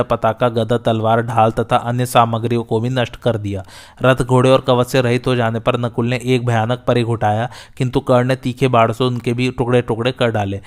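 A male narrator reading an epic battle tale in a steady, measured way. His pitch sits in a middle range and barely moves. The voice is smooth and resonant. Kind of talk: scripted epic storytelling narration.

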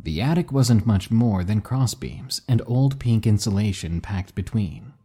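A man narrating spooky stories in a slow, hushed, dramatic way. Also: lowish voice, lively intonation, breathy edge. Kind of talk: scripted story narration.

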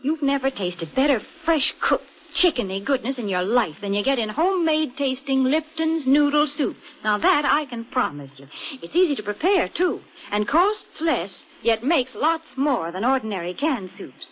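Woman announcer for a vintage radio spot, high and animated, with a muffled old broadcast sound. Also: normal speed. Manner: bright, persuasive sales pitch. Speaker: commercial announcer. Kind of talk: 1940s radio commercial reading. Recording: dull lo-fi 1940s radio recording.

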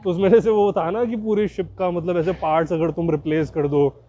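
Chatty young man with a high voice. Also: fairly even intonation, a little fast, warm tone, highs cut off, slight background noise. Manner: jokey, chatty, mixes Hindi with English. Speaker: podcast host. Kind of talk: rambling walk-and-talk commentary. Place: outdoors near a car showroom by a road.

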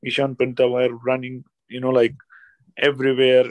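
A man with an Indian accent giving casual football analysis as a guest pundit, halting and repeating himself, often saying "you know". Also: mid-range voice, monotone, no room sound. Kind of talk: casual sports analysis chat.

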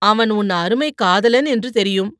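A woman's voice: medium pitch, unhurried, fairly bright tone, no echo, studio quality, natural voice. A woman voicing a vain, teasing young male warrior in playful banter, in an audiobook.

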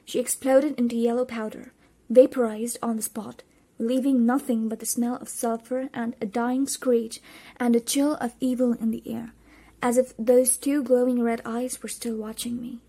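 A woman narrating a storybook in the first person, lively and expressive. Her voice sits somewhat high, and she shifts into the characters as she reads. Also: normal speed. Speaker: audiobook reader.

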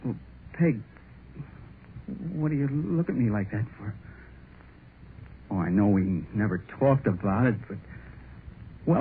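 In a 1930s radio drama, a male actor plays an excited, nervous young American husband who gushes and rambles in slang with a pleading mood. His mid-range voice sounds close to an everyday speaking voice, heard through phone-quality sound on a scratchy recording.

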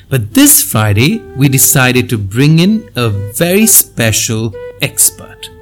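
Male host, animated scripted intro over clear music bed. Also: mid-range voice. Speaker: radio show host.

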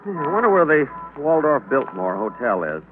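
Brief: polite, flustered angel; animated upper voice, old lo-fi radio with heavy hiss. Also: male voice, a little high, moderate pace, over music. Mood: naive. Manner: innocent, polite, easily flustered. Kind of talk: 1940s radio acting. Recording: tinny old radio broadcast with loud hiss.

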